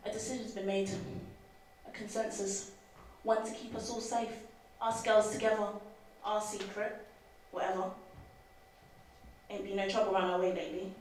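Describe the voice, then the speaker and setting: A woman's voice: mid-range voice, a little hiss or hum, natural voice. A woman playing a blunt, scornful young female prisoner, on stage in an echoey theatre. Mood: flat. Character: tough young female prisoner, angry at men. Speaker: actor in a student stage play. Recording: echoey theatre, mic far off.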